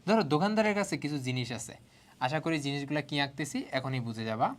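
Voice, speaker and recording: A man in his twenties from Bangladesh, a biology tutor teaching an online exam-prep lesson. He talks fast and chatty, mixes in English words, and keeps checking that students follow. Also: a little high, sing-song, a little hiss or hum.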